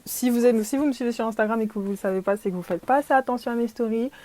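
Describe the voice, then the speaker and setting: A young French woman chats casually in a podcast-style vlog, speaking rapid-fire in a warm, slightly high voice. She's self-deprecating, uses lots of fillers, and laughs softly often.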